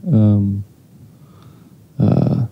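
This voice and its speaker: This man in his thirties fields audience questions in a post-screening Q&A, holding a mic on a theater stage. His lowish voice draws out words, and he seems thoughtful yet hesitant, restarting often. The audio is dull, with a little hiss or hum.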